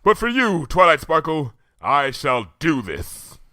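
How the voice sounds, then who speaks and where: A man puts on a loud, regal pony princess from a storybook, lifting his voice high and bright. She declares everything in grand archaic phrasing, with little patience. The sound is close and dry. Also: big pitch swings, takes it slowly, no room sound, heavily acted. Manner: archaic, booming proclamations.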